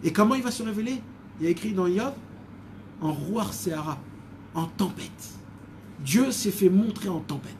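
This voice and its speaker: A man's voice: high voice, lively intonation, normal speed, pauses often, a little mellow, a little hiss or hum. A male religious teacher giving a Torah lesson, telling the story dramatically and addressing his listeners as friends.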